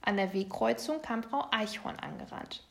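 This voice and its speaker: A woman reading a children's story aloud, in a gentle, even storybook manner. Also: mid-range voice, moderate pace, creaky.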